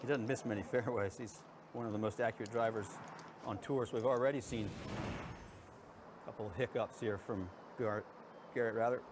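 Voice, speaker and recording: A man's voice: lowish voice, steady tone, brisk, background noise. A man anchoring live golf coverage as the lead announcer. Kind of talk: golf commentary, hosting the coverage.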